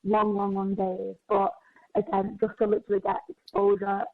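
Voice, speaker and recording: A twenty-one-year-old woman, a personal trainer, talking in casual podcast chat, chatty and quick with lots of filler words. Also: mid-range voice, completely flat delivery. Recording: tinny phone-like sound.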